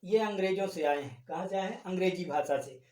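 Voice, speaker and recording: High-voiced male teacher in an echoey room. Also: brisk, darkish tone, far from the mic. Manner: asks the class questions and answers them himself; explains step by step, repeating terms. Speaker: Hindi grammar teacher. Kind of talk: classroom-style lesson.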